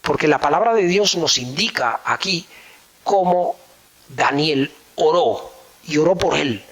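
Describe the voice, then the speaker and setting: Forceful preacher man. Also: fairly high pitch, expressive, a little slow. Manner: emphatic, repeats key phrases. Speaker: pastor. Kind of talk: sermon.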